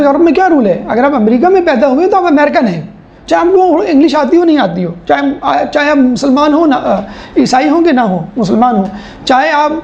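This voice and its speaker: Gravelly-voiced woman teaching a lecture. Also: sits high, dark tone, echoey room, lo-fi sound, slight background noise. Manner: explanatory, rhetorical questions, mimics people. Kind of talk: classroom lecture.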